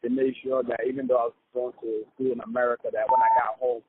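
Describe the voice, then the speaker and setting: A man's voice: mid-range voice, flat delivery, fast talker, breathy edge. A young man from Ghana, a comedian, chatting easily in a casual interview over the phone. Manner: easygoing, upbeat, chatty with fillers. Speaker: comedian guest. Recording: tinny phone-line sound.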